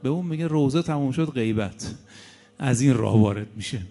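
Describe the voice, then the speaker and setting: A man's voice: medium pitch, lively intonation, mellow, faint music behind. A man in his fifties preaching a sermon, telling stories with colloquial asides and rhetorical questions.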